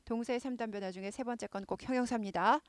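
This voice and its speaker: A woman teaching English to Korean learners, explaining a news story line by line. She repeats key words often and says English phrases slowly and carefully. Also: fairly high pitch, no echo.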